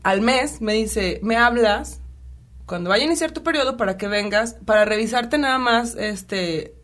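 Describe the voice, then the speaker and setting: A woman's voice: on the high side, normal speed. A woman with a Mexican accent telling a personal story in casual conversation, animatedly acting out what others said. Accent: Mexican Spanish. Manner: animated retelling, acting out quotes, many fillers.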